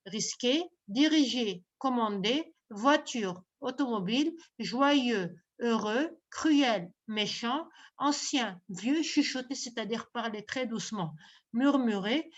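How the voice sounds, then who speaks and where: Slow, patient high-voiced woman teacher. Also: dull audio. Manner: patient, repeats each word pair slowly, praises pupils often. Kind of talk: online vocabulary lesson.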